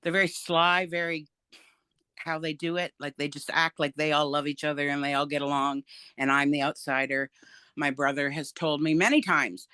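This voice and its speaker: A woman's voice: deep voice, little pitch movement, moderate pace, pushed and bright, clean tone, no echo. An older woman, a grandmother, speaking frankly and emphatically as an interview guest, with the odd wry laugh. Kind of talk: candid interview about family.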